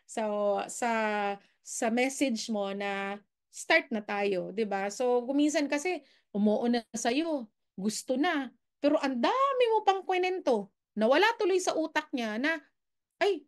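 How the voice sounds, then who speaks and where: A woman from the Philippines giving a casual sales coaching talk that mixes Filipino and English, often checking in with her listeners through quick tag questions. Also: a little high.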